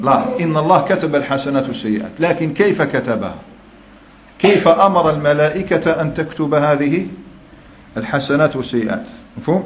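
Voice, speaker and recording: Man teaching religion in an echoey room. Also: a little high. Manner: explanatory, often checks understanding with "understood?". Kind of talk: religious lesson. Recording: echoey room, dull lo-fi sound, faint noise.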